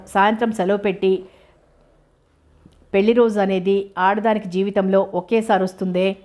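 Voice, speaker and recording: A woman reading a novel aloud, voicing a worried mother who pleads and scolds in a flat, even tone. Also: medium pitch, lightly acted. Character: worried widowed mother, anxious, fussing.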